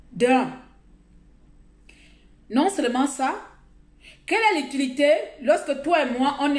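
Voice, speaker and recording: A woman's voice: on the high side, reverberant. A woman, ranting indignantly and emphatically to her followers in a live video. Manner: indignant, emphatic, talks straight to viewers. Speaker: live streamer addressing followers. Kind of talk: heated live video rant. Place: outdoors.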